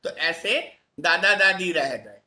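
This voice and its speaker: A man teaching a class, his voice bright and ringing. He keeps checking on the pupils with little tag questions, coaxing answers out of them in an easy classroom way. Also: high-pitched, lively intonation, slow pace. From India. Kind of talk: classroom lesson.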